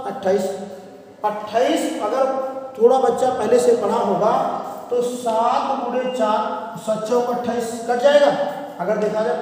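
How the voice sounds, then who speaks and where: A man's voice: extremely high pitch, darkish tone. A man teaching a classroom math lesson, asking questions and answering them himself. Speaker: reasoning teacher. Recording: echoey room, voice far from the mic.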